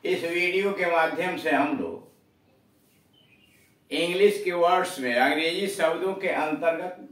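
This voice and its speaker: A man's voice: a little high, measured pace, pauses often, a bit bright. A man teaching an English lesson, spelling out each word letter by letter and then giving its meaning. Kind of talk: spoken language lesson. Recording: echoey room from far off.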